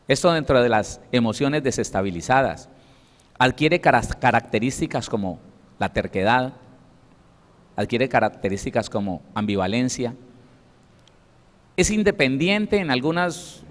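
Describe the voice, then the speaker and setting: A Colombian man, a pastor, preaching a sermon with emphatic delivery and acted-out quotes, in a Colombian Spanish accent. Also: medium pitch. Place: church hall. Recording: long hall reverb.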